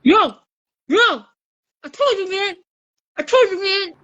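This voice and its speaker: A woman plays an impatient Jamaican bank robber in a comic improv skit. He keeps demanding the loot in a pushy, repetitive voice. The voice sits high and the sound is dry and close. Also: animated, slow pace, fairly bright tone, dry recording, dull audio, heavily acted. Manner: repeats bossy demands.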